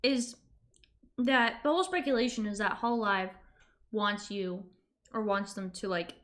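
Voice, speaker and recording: A woman's voice: medium pitch, measured pace, a bit bright. A woman streamer in casual reaction chat, talking informally and emphatically and acting out the reactions she quotes.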